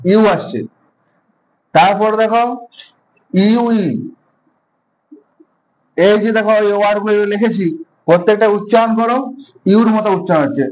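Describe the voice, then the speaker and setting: High-voiced man teaching grammar. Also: rough recording. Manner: repeats questions and answers them himself. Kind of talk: classroom lesson explanation.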